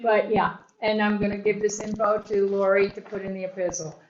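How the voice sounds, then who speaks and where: A woman's voice: medium pitch, little pitch movement, a little fast, slight background noise. An older woman from Long Island with a Long Island accent, chatting casually among church friends and laughing often between remarks. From Long Island, New York. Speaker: church member. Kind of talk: casual chat. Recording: roomy, dull sound with chatter.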